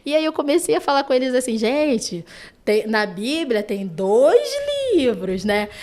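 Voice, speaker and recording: A woman with a Brazilian Portuguese accent, a children's ministry teacher, chatting on a podcast and telling lively stories with lots of "né" and "sabe". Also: fairly high pitch, measured pace. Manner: animated storytelling, frequent "né" and "sabe". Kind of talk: casual podcast chat.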